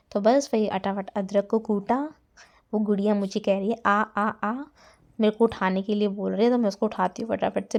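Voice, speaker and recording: A woman's voice: mid-range voice, dark tone. A young adult woman narrating her day in a chatty home vlog voice-over. She talks to viewers like friends and mixes English words into her talk. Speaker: vlogger.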